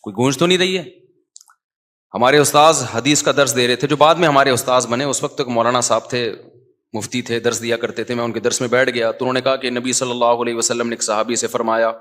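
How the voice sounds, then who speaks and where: A man's voice: mid-range voice, fairly even intonation, a bit bright. Chatty man in his forties preaching. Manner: digressive and chatty, chants Quranic Arabic verses and then explains them. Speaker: mufti, religious teacher. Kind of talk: conversational religious lecture. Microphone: microphone.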